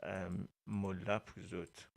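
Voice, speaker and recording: Mauritian male radio host, unhurried, hesitant chatty delivery with frequent laughs, talks to listeners by name. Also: low voice, level tone, vocal fry. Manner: hesitant, many filler sounds, laughs often, speaks to listeners by name. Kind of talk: casual radio talk about Creole words.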